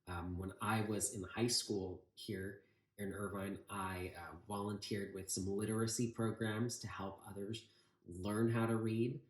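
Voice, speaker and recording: A city council member with an American accent reads a storybook aloud to children and chats informally with them. His voice sits on the low side with fairly even intonation and a measured pace. The room is echoey.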